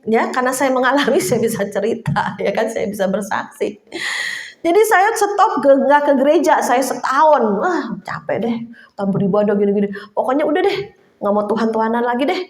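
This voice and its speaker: At a prayer fellowship, a woman preaches a sermon in a chatty, informal, conversational way, often pausing to hunt for words, using many fillers, and calling her listeners brothers and sisters. Her voice is a little high, brisk, with lively intonation, and the recording has a roomy echo.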